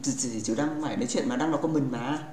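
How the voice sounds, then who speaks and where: A man's voice: mid-range voice, quick pace, darkish tone, a little hiss or hum. A man hosting a gaming livestream in casual chat, playful and teasing with his viewers, rambling and restarting his sentences. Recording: echoey room.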